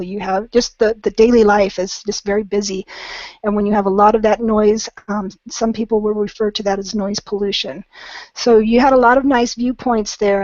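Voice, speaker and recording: A woman's voice: mid-range voice, darkish tone, dry recording, dull audio. A woman teaching a live online English class, patient and encouraging, with many ums.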